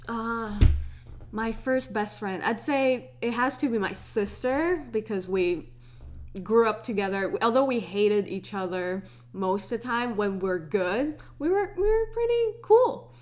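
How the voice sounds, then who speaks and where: A young woman in her twenties from Hong Kong, chatting casually through a get-to-know-me Q&A vlog. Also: on the high side. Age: 20s. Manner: relaxed, unhurried, chatty with restarts. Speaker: YouTuber.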